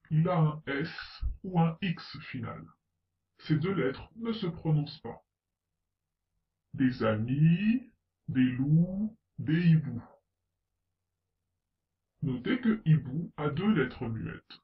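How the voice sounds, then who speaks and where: Slow, deliberate male teacher in a roomy echo. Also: on the high side, very animated. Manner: slow, deliberate, spelling out letters and example words. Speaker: French pronunciation teacher. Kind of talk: scripted lesson narration. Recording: roomy, distant, slightly dull sound.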